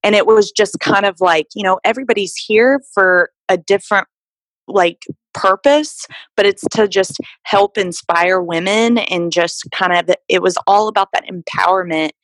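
A woman's voice: medium pitch, normal speed, fairly bright tone, dry recording, low-quality recording. A young woman from Texas, a fitness model guest, talking casually with lots of fillers and restarts. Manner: chatty, many fillers and restarts. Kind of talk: casual interview conversation.

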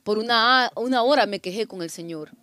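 A woman's voice: fairly high pitch, brisk, bright, forceful tone. A woman giving a live first-person interpretation of a man's church testimony, speaking earnestly with frequent self-corrections.

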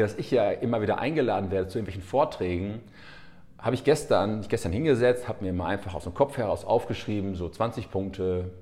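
A man's voice: on the low side, a little mellow. A middle-aged man hosting a casual podcast as a speaking coach, talking chattily and animatedly straight to the listener.

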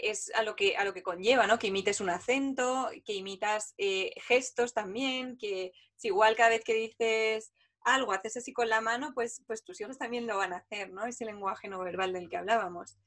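A woman's voice: medium pitch, a bit bright. A woman from Spain hosting a podcast interview, talking in a reflective way and often adding tag questions. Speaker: podcast host. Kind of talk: casual interview talk.

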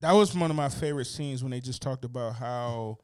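A man co-hosting a podcast in casual chat, telling stories in a loose, animated, profane way. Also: mid-range voice, brisk, clean tone. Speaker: podcast co-host.

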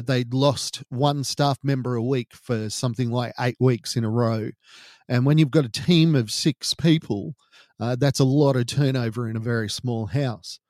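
Podcast host, male, Australian, middle-aged; serious true-crime-style first-person narration, deliberate phrasing, mid pitch, dry recording. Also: darkish tone, dry recording.

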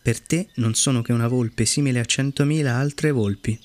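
A man's voice: medium pitch, moderate pace, darkish tone, lightly acted. A man doing a wise, patient fox. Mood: earnest. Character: wise lonely female fox, patient and gentle.

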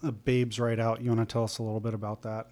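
A man's voice: lowish voice, level tone, quick pace, darkish tone. A man co-hosting a casual podcast, asking easygoing questions with some fillers. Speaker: podcast co-host.

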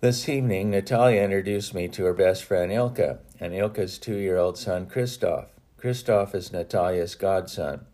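Deep, mellow man reading his memoir. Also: moderate pace, few pauses. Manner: earnest, reflective storytelling with small restarts. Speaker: author reading his own book. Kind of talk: audiobook narration.

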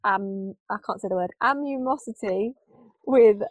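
A woman's voice: medium pitch, fairly quick, no room sound, low-quality recording. A woman hosting a podcast in loose, casual chat full of fillers. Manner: conversational, loose, lots of fillers. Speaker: podcast host.

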